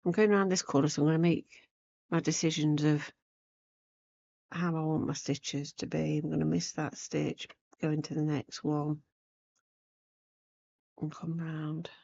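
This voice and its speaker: Hoarse from a recent cold, the craft tutorial host speaks in a low, level, mellow voice, rambling slowly and unscripted as she thinks aloud over her needlework. The recording is muffled, and the talk is casual and chatty.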